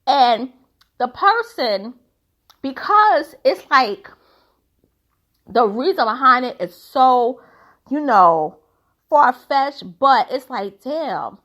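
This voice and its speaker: A woman's voice: sits high, very animated, drawn-out words, pauses often, fairly bright tone. A woman giving casual, opinionated commentary in an emphatic, blunt, colloquial way.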